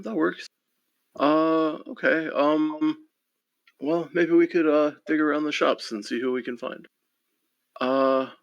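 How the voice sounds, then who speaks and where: A man's voice: fairly high pitch, vocal fry, no room sound, muffled recording. A man playing a tabletop game, talking casually and hesitantly with many fillers. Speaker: player.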